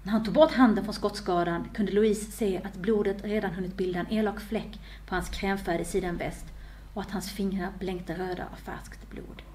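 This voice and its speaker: A woman author reading her own story aloud with expressive storytelling. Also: medium pitch, slight background noise.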